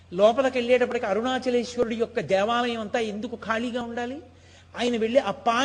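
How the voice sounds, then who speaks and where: Man preaching a spiritual talk, high voice, big hall echo, lots of rhetorical questions. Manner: emphatic storytelling, rhetorical questions. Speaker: spiritual discourse speaker. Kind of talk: devotional discourse. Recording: long hall reverb.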